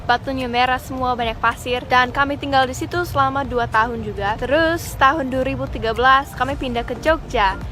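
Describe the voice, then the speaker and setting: A Texas woman vlogs to camera in English, chatting casually with little fillers over background music. Her voice sits high and sounds brisk, bright and forceful.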